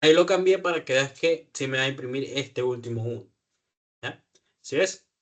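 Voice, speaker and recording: A man walks a student through code in a live lesson. He talks aloud as he works, corrects himself mid-sentence and keeps pausing to ask if things are clear. His voice sits at an ordinary middle pitch. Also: a bit bright. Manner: patient, checks understanding with frequent "¿ya?"; self-correcting, thinks aloud with fillers. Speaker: programming tutor. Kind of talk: live one-on-one coding lesson.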